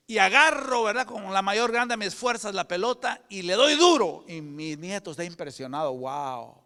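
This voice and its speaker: An older man preaching a sermon as pastor, with fervent delivery that moves from loud proclamation to hushed whispers. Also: high-pitched, animated, unhurried, long pauses. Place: church sanctuary. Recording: church hall with long reverb.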